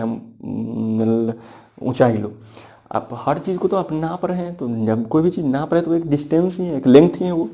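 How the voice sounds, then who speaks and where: A man with a warm, medium-pitched voice teaches a physics class. He explains the material step by step, repeats key points and poses rhetorical questions in this classroom lecture.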